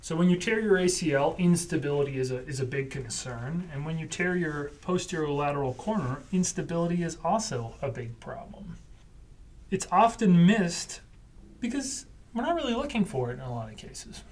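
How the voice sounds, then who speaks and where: A man's voice: on the high side, animated, brisk, few pauses, distant mic. A man co-hosting a casual podcast as a physical therapist, explaining clinical terms with dry jokes. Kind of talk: casual educational podcast chat.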